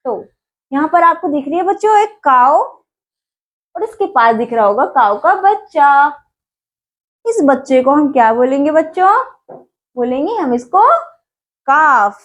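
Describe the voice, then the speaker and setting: A woman's voice: sits high, a bit bright. A woman teaching young children in a coaxing, questioning way, asking things and answering them herself. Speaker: online school teacher. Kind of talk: children's English vocabulary lesson.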